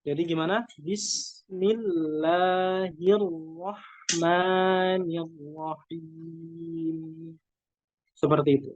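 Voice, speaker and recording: An Indonesian man teaching Quran recitation rules, explaining step by step and then reciting slow, drawn-out examples. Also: high voice, no echo. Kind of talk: tajwid lesson with recited examples. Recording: dull, dry lo-fi recording.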